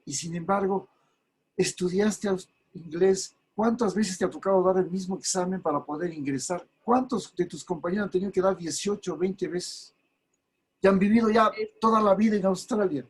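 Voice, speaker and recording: A man's voice: high voice, slightly rough, rough recording. A man from Ecuador hosting a video call interview, asking questions in an incredulous way. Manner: incredulous, asks rapid questions with repeats. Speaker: host.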